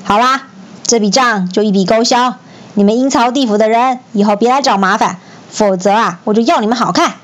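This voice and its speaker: A woman voicing a brash, furious male monkey king who shouts and scorns, in a storybook reading. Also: on the high side, fairly quick, natural voice. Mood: triumphant.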